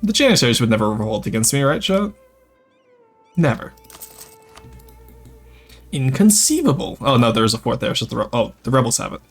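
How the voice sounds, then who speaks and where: Over faint background music, a streamer talks in a medium-pitched, sing-song, slightly rough and creaky voice, going a little fast but with long pauses. He is a young French Canadian man from Quebec, Canada, with a light Québécois accent, chatting casually with viewers during a strategy game. It's a casual gameplay livestream where he chattily reads and answers chat while playing.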